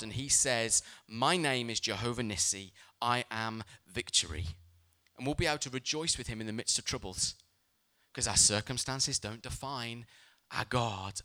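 A man preaching a sermon as a pastor, speaking with emphasis and telling lively personal stories. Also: mid-range voice, moderate pace.

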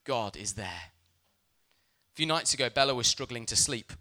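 A man preaching a sermon as a pastor, speaking with emphasis and telling lively personal stories. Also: mid-range voice, normal speed.

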